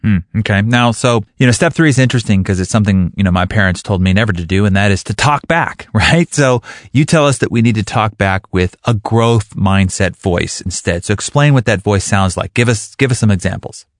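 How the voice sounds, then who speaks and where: A man's voice: fairly low pitch, brisk, few pauses, no room sound, studio quality. A man interviewing a guest in a conversational way, with fillers and restarts. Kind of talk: interview questions.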